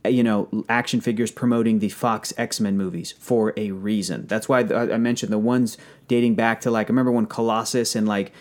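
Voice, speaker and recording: A man's voice: fairly low pitch, a little fast. A man in casual, enthusiastic podcast conversation, telling stories and acting out little quotes as he goes. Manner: animated storytelling, acts out quotes. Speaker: podcast guest, toy collector.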